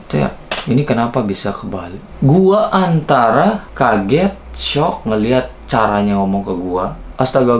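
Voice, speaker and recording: A man casually tells a personal story, confiding in the viewer. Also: on the low side. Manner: chatty, confiding, talks straight to the viewer. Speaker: vlogger. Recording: echoey room, faint noise.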